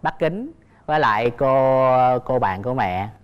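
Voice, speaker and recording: A man's voice: mid-range voice, animated, unhurried, clean tone, dull audio. A young man, a contestant on a dating show, speaking politely and hesitantly. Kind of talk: casual chat.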